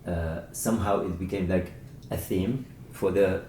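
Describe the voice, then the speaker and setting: A man's voice: deep voice, fairly even intonation, a little slow, warm tone. A man who is not a native English speaker, discussing books informally and searching for his words. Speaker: author discussing a book. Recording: echoey room, distant mic, faint noise.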